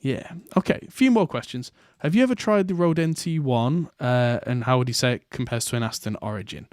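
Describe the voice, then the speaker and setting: A man's voice: mid-range voice, fairly quick, darkish tone, no echo, studio quality. A man hosting a podcast, talking casually in a rambling way with plenty of fillers and restarts. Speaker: podcast host. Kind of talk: casual chat.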